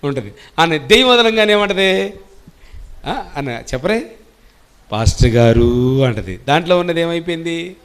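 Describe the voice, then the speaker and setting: A man's voice: on the high side, animated, normal speed, long pauses, fairly bright tone, smooth. A man preaching a sermon as pastor, constantly asking questions of the congregation and answering them himself. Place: church service.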